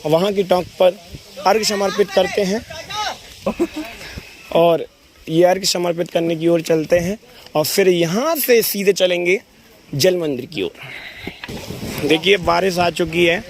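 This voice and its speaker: A pilgrimage vlogger with a high-pitched, darkish voice leads chants back and forth with surrounding pilgrims while narrating his devotional trek up a mountain trail.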